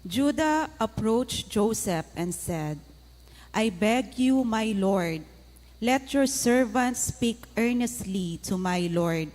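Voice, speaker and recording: A woman lector reads scripture very slowly at a medium pitch. Her delivery is formal and deliberate, phrase by phrase. The church gives her voice a long echo. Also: darkish tone. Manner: deliberate, clearly separated phrases. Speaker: lector reading scripture at Mass. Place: large church interior.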